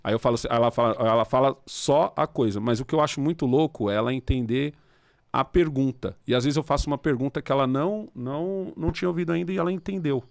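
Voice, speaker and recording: A man chats and tells stories in an easygoing, slangy way, at a middle pitch for a man. The sound is close and dry, recorded near the mic. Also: fast, gravelly, no echo. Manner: chatty storyteller, slangy, tells anecdotes. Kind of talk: casual podcast conversation.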